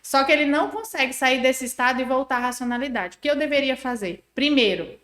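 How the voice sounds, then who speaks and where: Woman, parenting educator on a podcast, animated and didactic, higher voice, echoey room. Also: quick pace. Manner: didactic, animated, acts out examples. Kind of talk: explanatory podcast conversation.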